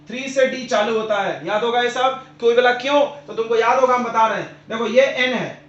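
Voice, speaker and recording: A man with a high voice teaches a chemistry class, repeating his questions and answering them himself so the students follow. He sounds roomy and echoey. The recording is dull and lo-fi. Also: a bit bright. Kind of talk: classroom lecture.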